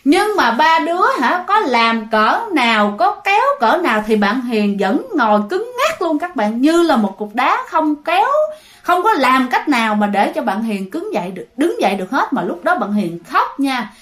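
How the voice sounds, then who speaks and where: A woman's voice: high voice, very animated, normal speed, fairly bright tone. A woman narrating a ghost story chattily, speaking straight to her listeners. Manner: chatty, addresses listeners directly.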